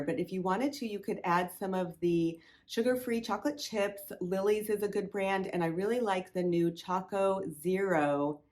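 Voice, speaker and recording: A woman's voice: mid-range voice, a little mellow. A middle-aged woman hosting a cooking video, giving friendly, chatty step-by-step instructions. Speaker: cooking show host. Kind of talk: recipe demonstration.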